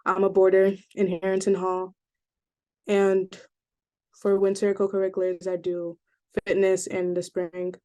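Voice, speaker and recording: A woman's voice: medium pitch, completely flat delivery, measured pace, dark tone. A teenage girl student introducing herself, stumbling and correcting herself as she goes. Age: teens. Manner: hesitant, self-correcting. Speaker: student panelist.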